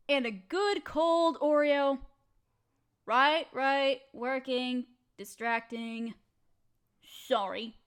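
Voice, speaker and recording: In a casual scripted audio drama, a woman voices a young female roommate stuck at home, speaking straight to the listener in a high, slightly bright, full character voice. She starts out wistful, then turns bored, restless and whiny, grumbling dramatically and playfully in slang.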